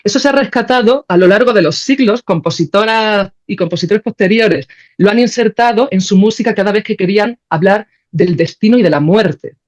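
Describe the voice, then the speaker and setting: A woman with a Spanish accent, a composer and sound creator, talks as a podcast guest, thinking aloud as she explains ideas in a casual, colloquial conversation. Her voice is mid-range and a little fast.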